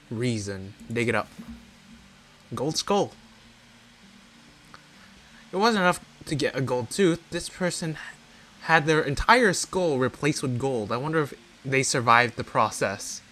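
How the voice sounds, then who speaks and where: A man's voice: fairly high pitch, a bit bright. A man streaming a game, reading its dialogue aloud with jokey asides. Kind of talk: casual game playthrough. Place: home streaming setup. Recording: dry close mic with faint game music.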